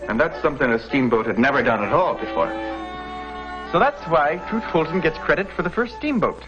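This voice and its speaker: A man's voice: a little high, lively intonation, a little fast, highs cut off, music in the background, close to an everyday voice. Man acting a lilting, jovial Irish sea captain. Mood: merry, folksy. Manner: chuckling, folksy, exclaiming storyteller. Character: jovial red-haired Irish-American steamboat captain from the past. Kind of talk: scripted educational drama acting.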